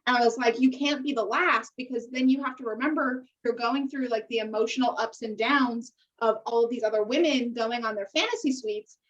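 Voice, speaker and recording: Talking fast with hardly any pauses, this American podcast co-host discusses a TV dating show in casual, emphatic chat full of swearing and slang. Her pitch is fairly high, and the sound is lo-fi.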